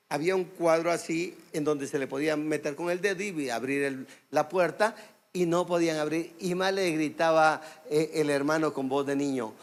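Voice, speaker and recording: A man with a Mexican accent preaching a sermon as pastor, emphatic, calling for amens and telling stories with many fillers. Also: a little high. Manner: emphatic preaching, calls for amen and applause; storytelling with many "este" fillers. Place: church service.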